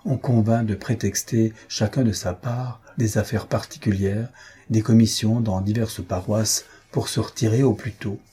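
A man reading a historical tale aloud as an audiobook narrator, in measured, even storytelling. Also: lowish voice, husky. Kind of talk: scripted narration.

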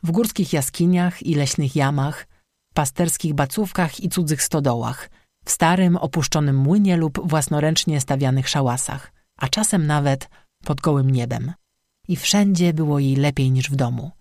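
An audiobook narrator telling a folk legend in a measured, even way. The voice sits at a middling pitch. The recording is close and dry, with no room sound. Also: no room sound. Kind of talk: scripted storybook narration.

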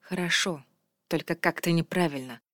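A woman voicing a timid young woman who answers quietly and falters. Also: on the low side, normal speed, no echo, studio quality, close to an everyday voice.

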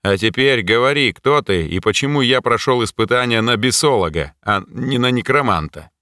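A man voicing a weary, sharp-tongued male mage in an audiobook, curt and commanding. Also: medium pitch, expressive, moderate pace, no echo, studio quality. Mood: weary irritation.

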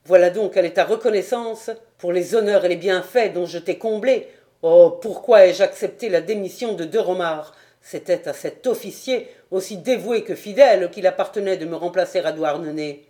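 A fallen nobleman pours out bitter laments in a loud, somewhat lowered voice, as a woman reads him aloud. The tone stays mellow and unhurried, a storybook reading. He sounds proud and wounded. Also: animated, natural voice. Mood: bitter grief.

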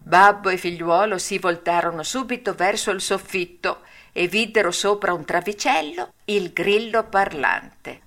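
A woman narrating a storybook audiobook in a measured, expressive reading. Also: mid-range voice.

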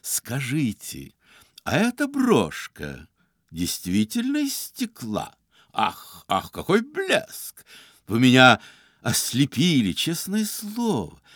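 A man putting on a gushing, sighing flatterer. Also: medium pitch, dry recording, studio quality, pitched above the performer's own voice, heavily acted. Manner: breathy sighing exclamations, drawn-out. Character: fawning excitable man gushing compliments. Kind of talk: audiobook character voice.

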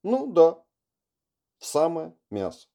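A man voicing a rough young lieutenant who talks curtly and coarsely. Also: on the high side, huge pitch swings, takes it slowly, warm tone, pitched above the performer's own voice, heavily acted. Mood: agitated. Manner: curt, coarse.

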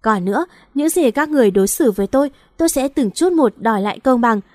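A woman's voice: fairly high pitch, lively intonation, fast, dark tone, no room sound, studio quality, natural voice. A woman doing a defiant young pregnant wife. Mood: bitter. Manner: defiant, tearful.

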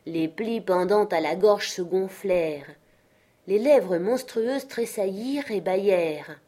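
A woman narrating an audiobook of a literary tale in a measured, expressive way. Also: medium pitch.

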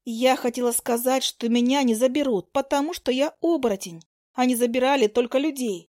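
A woman's voice: high-pitched, a little fast, a little mellow, dry recording, studio quality, close to an everyday voice. A woman voicing a shy young werewolf girl who talks timidly and stammers, in a storybook reading. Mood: shy, nervous.

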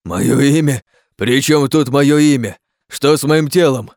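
Man playing a huge rumbling monster, panicked, furious, shouting, audiobook. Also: a little slow, no room sound, clean studio sound. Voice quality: low rumbling voice. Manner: shouting in distress.

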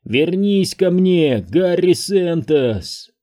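A man voicing an eerie male spirit speaking through a small child, in a distorted, mechanical falsetto, slow and insistent, for an audiobook. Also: lively intonation, dark tone, exaggerated voice. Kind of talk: audiobook reading.

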